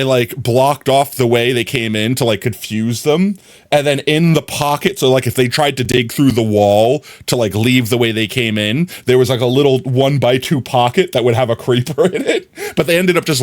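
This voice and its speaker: Talking casually to his stream audience, this young man rambles and keeps breaking into giggles. His voice is medium in pitch and a little nasal.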